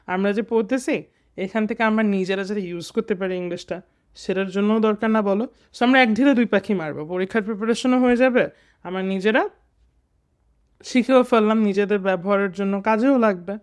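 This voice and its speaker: A man's voice: high-pitched, a little fast, smooth. A young man in his twenties with a Bangladeshi accent, tutoring students in English grammar. He talks patiently and reads sentences in small pieces, mixing English words into his explanations. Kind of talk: casual exam lesson.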